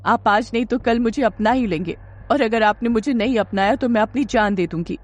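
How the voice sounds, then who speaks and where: Woman doing young girl in love, tearful, pleading, emotional, raised pitch, audio story. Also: brisk, close to an everyday voice. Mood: defiant.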